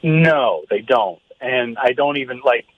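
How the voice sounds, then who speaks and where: A young man heard over a telephone line, talking in a hesitant, nervous, halting way. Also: mid-range voice, lively intonation, dry recording. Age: young adult. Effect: heard over a phone line. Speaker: guest called on the radio show. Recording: tinny phone line.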